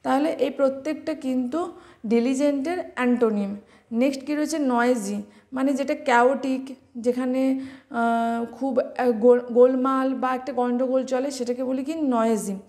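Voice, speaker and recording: A woman with a Bengali accent teaching vocabulary for exam prep, explaining meanings and spelling words out slowly letter by letter. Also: high voice, steady tone, a little mellow.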